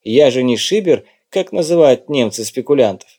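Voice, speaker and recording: A man reading an audiobook, voicing a weary, sardonic elderly maître d' who speaks slowly. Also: medium pitch, lively intonation, mellow. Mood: wry. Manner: slow, drawn-out, sardonic. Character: elderly male casino maître d', wry and weary.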